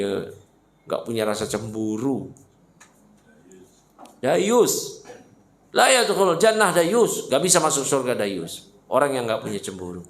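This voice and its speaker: A man's voice: mid-range voice, echoey room. A man preaching a mosque study sermon, emphatic and fired up, firing rhetorical questions at his listeners and slipping in mocking asides. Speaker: Islamic preacher.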